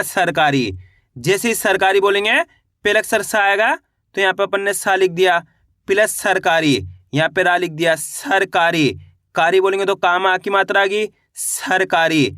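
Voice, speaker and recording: A man with a rather high voice teaches spelling step by step, repeating every word and answering his own questions. The sound is close and dry, with no room around it. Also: a bit bright, no room sound. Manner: repetitive call-and-response, asks and answers own questions. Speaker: Hindi teacher. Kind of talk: patient spelling lesson.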